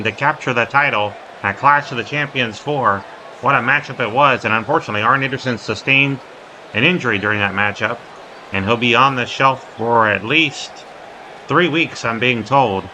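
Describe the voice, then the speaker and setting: A man's voice: medium pitch, pushed and bright, rough recording. A man hosting a wrestling broadcast, giving sports commentary and play-by-play. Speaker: wrestling commentator and show host. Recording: clear background noise behind the voice.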